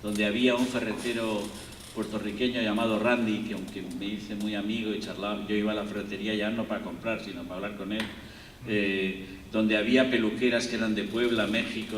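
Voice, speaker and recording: In a lecture hall, a Spanish man with a Spanish accent delivers a rambling university talk as a guest lecturer, filling it with fillers and restarts. His voice is on the low side and a bit bright; the recording sounds distant and echoey, with faint room noise.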